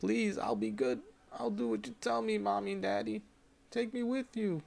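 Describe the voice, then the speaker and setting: A man voicing a frightened dying young girl who pleads in a high, tearful voice. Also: animated, normal speed, gravelly, darkish tone, heavily acted. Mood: pleading, desperate.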